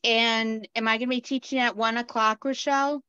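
A woman's voice: on the high side, fairly even intonation, a little fast, pushed and bright, smooth, dry recording. A woman, a beading class instructor, joins a group meeting over a phone into a video call, speaking casually and hesitantly with many ums and restarts. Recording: dull, muffled phone audio.

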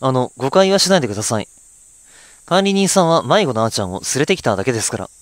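A man's voice: medium pitch, sing-song, quick pace, no room sound, close to an everyday voice. A man voicing a kind, polite young woman heroine while reading game dialogue aloud. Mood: gentle.

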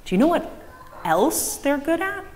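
A woman giving a children's message in a church service, asking the kids lively questions and echoing back their answers. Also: high-pitched, moderate pace. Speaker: director of faith formation giving a children's message. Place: church sanctuary with a choir. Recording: long church reverb, faint room noise.

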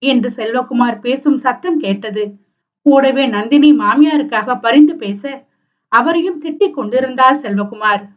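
Woman reading a romance audiobook, high-ish voice, expressive, muffled lo-fi sound. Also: moderate pace. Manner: expressive storytelling. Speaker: audiobook narrator. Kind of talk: scripted narration. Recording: dull lo-fi recording.

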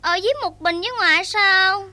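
A woman's voice: very high voice, fairly even intonation, fairly quick, pushed and bright, no room sound, heavily acted. An actress playing a sick little girl in a Vietnamese cải lương stage play, pleading and tearful.

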